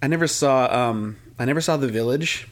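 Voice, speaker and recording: A man's voice: medium pitch, brisk. A man co-hosting a podcast in casual chat, rambling and joking, sometimes mimicking movie lines. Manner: rambling, jokey, slips into mocking movie voices. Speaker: podcast co-host.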